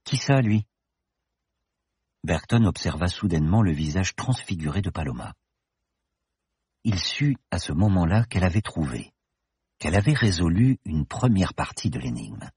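A man narrating an audiobook in an even storytelling delivery. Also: sits low, normal speed, husky, dry recording, studio quality.

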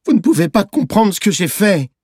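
A man's voice: animated, moderate pace, a little mellow, dry recording, clean studio sound. A man reading an audiobook, voicing a frightened, tearful young boy who pleads and sobs in a raised voice. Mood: pleading. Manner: pleading, sobbing, high-pitched cries.

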